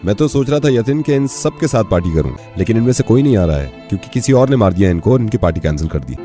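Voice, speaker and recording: A man's voice: fairly low pitch, expressive, quick pace, warm tone, faint music behind. A man hosting a radio prank call, scolding the caught caller and then talking in a somber, lecturing way.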